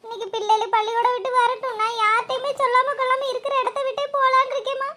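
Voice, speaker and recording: Tearful cartoon young mother, shrill and bright, quick pleading speech, voiced by a woman. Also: flat delivery. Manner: pleading, self-blaming.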